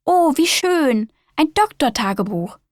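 A woman's voice: on the high side, a little fast, no room sound, clean studio sound. A woman voicing a cheerful, curious little girl spider in a children's story, speaking eagerly. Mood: excited. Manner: eager, bright, excited.

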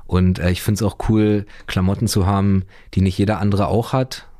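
A man's voice: low voice, little pitch movement, moderate pace, mellow, no room sound, clean studio sound. A man, chatting casually in a rambling, slangy way full of fillers. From Berlin, Germany. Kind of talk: casual chat.

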